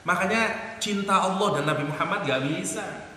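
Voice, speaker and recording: Guy preaching, bright voice, joking around, reciting arabic, super echoey hall w/ a bit of background hum. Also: sits high, moderate pace. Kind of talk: Islamic sermon. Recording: echoey hall with faint ambience.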